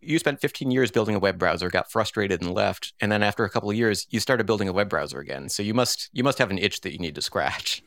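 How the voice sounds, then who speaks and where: A man hosting a podcast, asking questions and reading the closing announcements in a measured, explanatory way. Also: fairly low pitch, lively intonation, fairly bright tone, no echo, clean studio sound. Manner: measured, explains points at length. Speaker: podcast host. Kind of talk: interview and scripted podcast outro.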